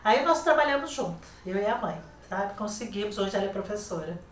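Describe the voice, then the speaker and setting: This older woman speaks Brazilian-accented Portuguese at a medium pitch and slightly quick pace, telling stories from her teaching. As a guest author on a TV program, she animatedly voices the quoted dialogue. The recording is distant and roomy, with slight background noise.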